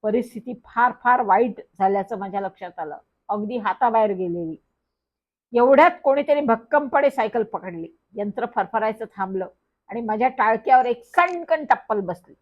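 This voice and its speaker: A woman reading a children's story aloud, telling it in a lively first-person way. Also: fairly high pitch, normal speed. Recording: dull lo-fi recording.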